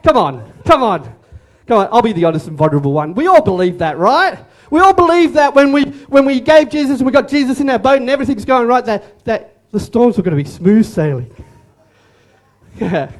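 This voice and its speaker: Male pastor, unusually high pitch, lively sermon full of jokes and call-and-response. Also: fairly quick. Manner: animated, joking, repeats words, calls on audience. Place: church service room.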